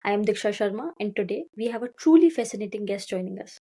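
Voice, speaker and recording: A woman's voice: mid-range voice, expressive, fast, warm tone, poor audio. A woman hosting a podcast, reading an upbeat scripted introduction and then asking her guest questions. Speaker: podcast host.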